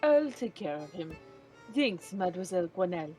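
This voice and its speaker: A woman's voice: lowish voice, big pitch swings, normal speed, dark tone, faint music behind. A woman voicing a polite, slightly flustered male sparrow assistant in a video game, courteous and hesitant. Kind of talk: video game character voice read aloud.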